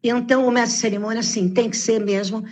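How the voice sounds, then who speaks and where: Older Brazilian woman, husky storyteller. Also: a little high, fairly quick. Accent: Brazilian Portuguese. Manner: animated storyteller, acts out quoted exclamations. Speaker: ceremonial protocol expert, guest. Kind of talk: casual live-stream interview. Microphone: video call.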